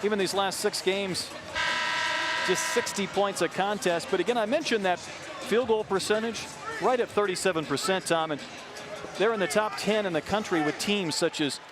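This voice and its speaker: A man's voice: high-pitched, normal speed, over loud music. A man calling live basketball play-by-play, mixing descriptions of the action with game statistics. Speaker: play-by-play sports commentator. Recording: noisy arena broadcast with loud crowd. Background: loud crowd, bouncing basketballs.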